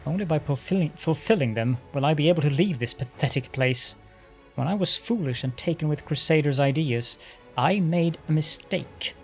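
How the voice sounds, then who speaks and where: A man voicing an arrogant undead lich, a lordly military master speaking with haughty, sneering command in a fantasy game. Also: on the high side. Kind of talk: dramatic voiced game dialogue.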